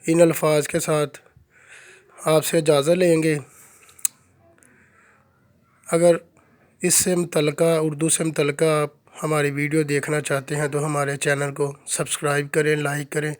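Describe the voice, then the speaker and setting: A man teaching Urdu pronunciation, repeating each word slowly and deliberately in a lesson. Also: fairly high pitch, level tone.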